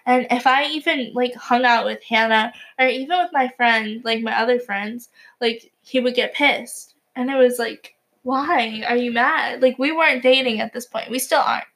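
A woman's voice: a little high, moderate pace, a bit bright. A teenage girl co-hosting a podcast, telling a story in casual chat with frequent giggles and "like" fillers. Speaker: podcast co-host.

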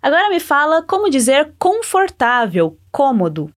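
A young adult woman with a Brazilian Portuguese accent, hosting a podcast pronunciation lesson as a Spanish teacher, encouraging the listener and slowly modelling phrases for them to repeat. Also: high voice, animated.

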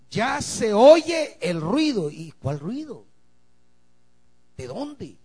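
A male pastor preaching a sermon, swinging from quiet asides to shouted emphasis and calling out to the congregation. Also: high-pitched.

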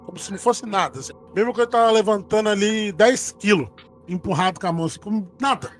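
Animated high-voiced Brazilian man telling a tale. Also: quick pace, soft background music. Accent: Brazilian Portuguese. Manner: animated retelling, acts out quoted lines. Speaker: storyteller. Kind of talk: casual storytelling among friends.

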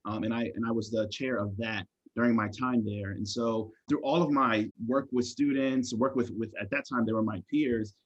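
A man speaking as a podcast guest, answering in a measured, thoughtful way with frequent fillers and restarts. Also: mid-range voice, fairly even intonation, husky. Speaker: guest, assistant dean of students. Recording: dull lo-fi sound.

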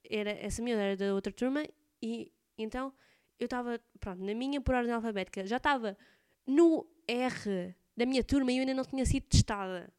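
A woman's voice: fairly high pitch, brisk, darkish tone, clean tone. Chatty young Portuguese woman, slightly congested. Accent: European Portuguese. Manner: rambling, chatty, full of fillers. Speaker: student vlogger. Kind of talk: casual chat to camera.

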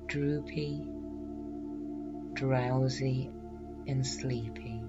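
A woman hypnotherapist guiding a self-hypnosis session in a calm, meditative, soothing way. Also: a bass voice, very slow, muffled recording, loud music behind the voice. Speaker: hypnotherapist and weight loss coach, podcast host.

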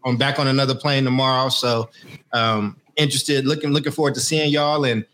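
A man's voice: mid-range voice, steady tone, a little fast, fairly bright tone. Tired but upbeat man on a call. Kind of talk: casual chat on a video call.

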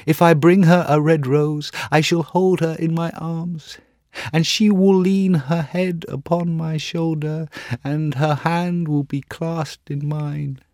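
A man's voice: on the high side, darkish tone, dry recording, studio quality, voice pushed up. A man playing a lovesick young male student in a storybook reading, speaking in an impassioned, yearning way. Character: heartbroken young male student, pining and dramatic.

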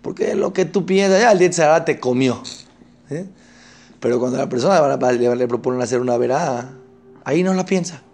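A male teacher leads a religious class. He talks in an animated way, jumping into the voices of the people in his examples. His pitch sits in the middle range. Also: normal speed. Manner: animated, acts out quoted people. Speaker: Torah teacher. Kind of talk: religious lesson.

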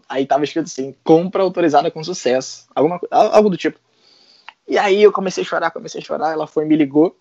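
A man with a Brazilian Portuguese accent, an interview guest telling a personal story in a casual, animated way with frequent laughs and slang. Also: on the high side, no echo. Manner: animated, laughs often, mixes in colloquial slang. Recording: dull lo-fi sound.

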